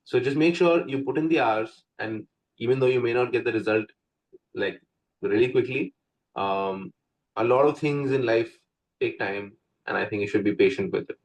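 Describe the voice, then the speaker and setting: Speaking at a moderate pace in a mid-range voice, this English coach from India talks casually during an interview. He's young, speaks Hindi natively and has an Indian accent, and his chatty speech leans heavily on "like" and "right?". The audio quality is poor.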